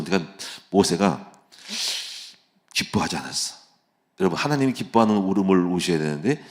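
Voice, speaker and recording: A man with a very deep, low voice delivers a dawn church sermon. He keeps it casual and conversational, asking his listeners rhetorical questions. He slips into animated storytelling as he goes. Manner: casual, conversational preaching with plain speech endings and rhetorical questions; vivid storytelling that acts out quoted voices. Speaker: pastor. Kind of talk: early-morning church sermon. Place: church sanctuary.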